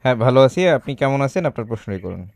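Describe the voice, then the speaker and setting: A man's voice: mid-range voice, sing-song, rapid-fire, gravelly, a little mellow, a little hiss or hum. A man with a Bangladeshi accent hosting a radio phone-in in a polite, formal way.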